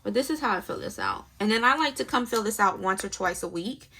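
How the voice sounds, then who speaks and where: Brisk and expressive, a young woman's medium-pitched voice sounds gravelly and husky, pushed and bright. She's a planner vlogger casually narrating as she fills in her budget planner, thinking aloud and muttering numbers to herself.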